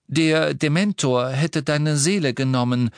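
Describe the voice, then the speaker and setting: A man's voice: on the high side, measured pace, clean tone, no echo, pitched above the performer's own voice. A man voicing a wry teenage boy wizard.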